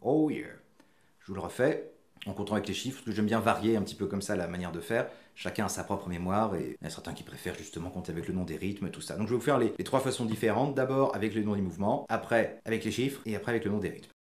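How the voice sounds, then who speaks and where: A man's voice: fairly low pitch, fast. A man teaching a guitar tutorial, patiently explaining and chanting strum patterns aloud as he plays. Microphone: mic near the guitar. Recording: roomy room with his guitar playing.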